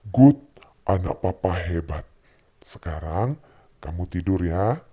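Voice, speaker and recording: A man's voice: low-pitched, lively intonation, slow, dark tone, husky, full character voice. A man voicing a patient father who tells his child a Bible story at bedtime, speaking in a soothing way. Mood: storytelling. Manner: soothing, acts out voices in the story.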